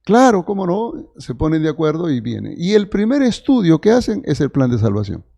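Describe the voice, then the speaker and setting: Man, fairly high voice, step-by-step lesson, acts out both sides of a dialogue. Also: very animated, fairly quick, creaky, dark tone. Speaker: church mission instructor. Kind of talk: teaching a method of door-to-door evangelism.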